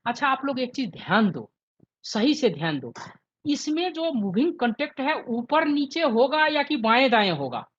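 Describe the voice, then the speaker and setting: A man's voice: very high-pitched, big pitch swings, normal speed, a bit bright, lo-fi sound. A man in his fifties teaching an online class, who keeps checking with his students and repeating his points.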